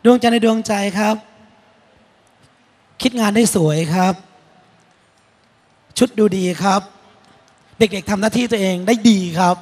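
A man's voice: sits high, fairly even intonation, measured pace, long pauses, darkish tone. A man judging the stage show at a school band contest, speaking politely in short phrases of praise. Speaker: contest judge. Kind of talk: spoken critique of a stage show.

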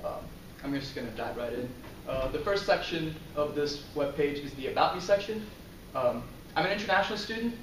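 Standing before a projector screen in a lecture room, a young student presenter talks casually about himself, chuckling often and filling gaps with ums. He speaks fairly quickly with lively intonation, a higher-pitched voice, and barely any pauses. Picked up by a distant camera, the sound is roomy with a faint hiss or hum.

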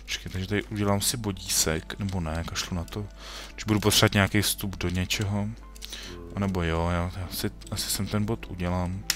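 A young man talks his way through a game at his home computer in a slightly low voice. He rambles and restarts his sentences and tosses off playful asides to the characters on screen. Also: steady tone, a bit bright, faint music behind. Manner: rambling, self-correcting, jokey asides to the game. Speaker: gaming video host. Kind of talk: casual Minecraft let's play commentary.

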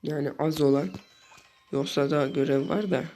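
Excitable young man commentating his game. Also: fairly high pitch, moderate pace, a little hiss or hum. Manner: excitable, frequently exasperated outbursts. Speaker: gaming channel host. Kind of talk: live gameplay commentary. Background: game music.

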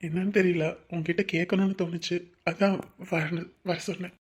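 An earnest young fiancé, soft and hesitant. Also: male voice, sits high, little pitch movement, normal speed, husky. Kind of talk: Tamil family drama acting.

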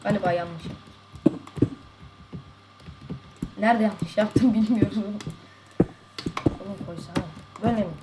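A young woman casually commenting on her game as a streamer, talking to viewers with quick shouts and laughs. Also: medium pitch, fairly even intonation, background noise. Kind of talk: casual live gaming commentary. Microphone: desk mic picking up mouse and keys. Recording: loud keyboard and mouse clicks. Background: constant typing and mouse clicking.

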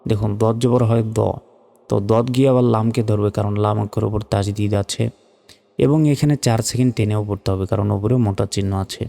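A man teaching recitation, chanting slowly drawn-out phrases and breaking in with quick spoken explanations of pronunciation. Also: lowish voice, fairly even intonation, creaky, mellow, in a large hall.

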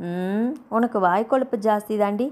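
A woman's voice: medium pitch, moderate pace, a little mellow, natural voice. Sulky young husband for an audio novel, grumbling and bantering, read by a woman. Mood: challenging.

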